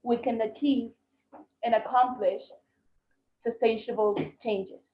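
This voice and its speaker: A woman's voice: a little high, steady tone, slow, slight background noise. A woman interpreting live on a video call, hesitant with fillers and restarts, heard over a bad internet connection. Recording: muffled, echoey video call audio.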